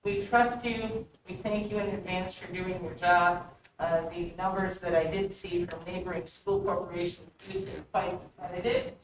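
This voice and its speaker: A woman speaking up in a loud, projected teacher voice as she gives public comment at a meeting. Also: on the low side, fairly even intonation, normal speed. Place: indoor public meeting room. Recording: very echoey room, distant mic, faint noise.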